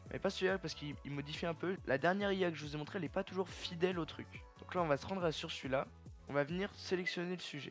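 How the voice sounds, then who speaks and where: A young man casually talking viewers through a software tutorial step by step, chatty and informal. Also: medium pitch. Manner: chatty, step-by-step, addresses viewers as "les gars". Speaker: tutorial creator.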